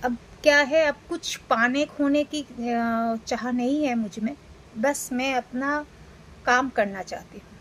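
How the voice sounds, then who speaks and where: A woman's voice: sits high, slow, a little hiss or hum, low-quality recording. A woman in her forties from India, talking casually to camera as a vlogger, rambling with fillers and restarts, while unwell. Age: 40s.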